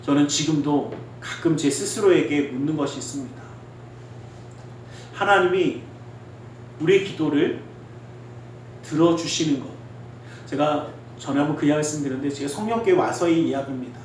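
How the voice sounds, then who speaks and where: A male pastor preaching a sermon in earnest, exhorting tones, swinging between loud emphasis and quiet asides. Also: fairly high pitch, a little hiss or hum. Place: church sanctuary. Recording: very echoey hall, distant mic.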